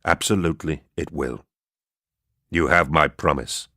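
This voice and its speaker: A man voicing a calm, firm adult male warrior in a read-aloud story, speaking in a measured way. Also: rumbling low, no room sound, studio quality, exaggerated voice. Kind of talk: audiobook character reading.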